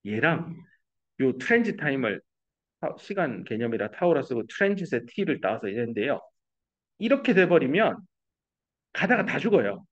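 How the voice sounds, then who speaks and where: A man's voice: medium pitch, very animated, moderate pace, long pauses. A middle-aged male professor giving a lecture, explaining step by step and mixing English technical terms into casual asides. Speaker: university professor. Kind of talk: recorded lecture. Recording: dull lo-fi classroom recording.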